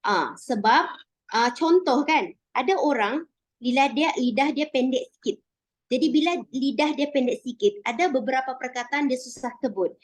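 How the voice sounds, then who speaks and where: A Malaysian Malay-accented woman chatting casually about speechmaking, animated, with many fillers and restarts. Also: high-pitched, moderate pace. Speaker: public speaking club guest.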